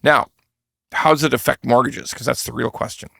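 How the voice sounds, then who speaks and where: A man's voice: medium pitch, steady tone, normal speed, vocal fry, a bit bright, no room sound, studio quality. A middle-aged man hosting a mortgage podcast, talking bluntly and emphatically with mocking asides. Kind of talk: casual commentary.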